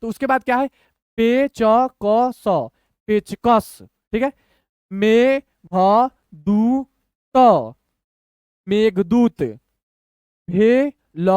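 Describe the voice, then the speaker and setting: A man teaching Hindi reading in an online lesson, patiently breaking words into syllables and repeating them slowly. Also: very high-pitched, dry recording, clean studio sound.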